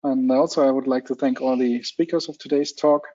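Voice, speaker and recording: Mellow male organizer closing an online talk. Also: medium pitch, steady tone, a little fast. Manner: formal, courteous closing remarks. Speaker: event organizer. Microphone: video call. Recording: slightly muffled call audio.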